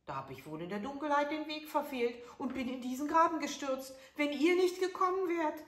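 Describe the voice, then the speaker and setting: A frail old woman, secretly a fairy, calls out in a high, wailing, pleading voice that rises well above the teller's own, as a woman acts her out. Her words swing up and down with feeling, and the storybook recording rings in a roomy space. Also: lively intonation, fairly quick. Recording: echoey room.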